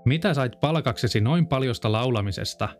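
A man's voice: mid-range voice, soft background music, lightly acted. A man voicing a cross, scolding hen in a fairy-tale reading. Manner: snappish, scolding.

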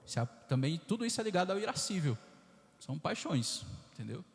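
Gravelly-voiced priest in an echoing church. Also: male voice, high voice, very animated, fairly quick. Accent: Brazilian Portuguese. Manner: conversational, constant "né?" tag questions, acts out inner voices. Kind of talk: informal catechesis talk. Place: parish church hall. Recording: reverberant church hall, flawed audio.

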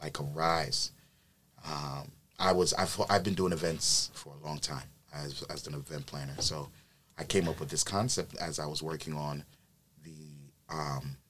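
With a rumbling low voice and an unhurried pace, an event planner raised in New York relaxes into telling his story on a podcast, leaning heavily on fillers like um and like.

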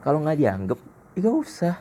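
A man's voice: fairly high pitch, big pitch swings, moderate pace, dark tone, slight background noise. A man hosting a casual solo podcast, blunt, slangy and self-mocking. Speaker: podcast host.

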